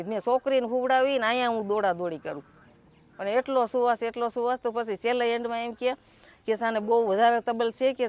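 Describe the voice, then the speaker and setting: A woman speaks, relating events to a news interviewer at length. She rambles and keeps quoting what others told her, in an unpolished everyday way. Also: fairly high pitch. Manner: rambling, repeats quoted speech. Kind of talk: emotional spoken account.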